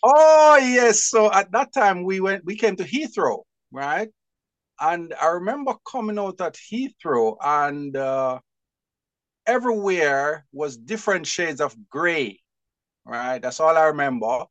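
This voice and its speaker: A man with a Jamaican accent, chatting as an interview guest, lively and quick to laugh. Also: high voice, dry recording. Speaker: guest, publisher. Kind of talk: casual interview chat.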